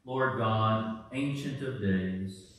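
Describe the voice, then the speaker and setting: A man leading church prayers in a solemn, deliberate way, pausing between phrases, heard with a cathedral echo. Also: on the low side. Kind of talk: slow, measured liturgical prayer. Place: large church. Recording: echoey church, mic far off.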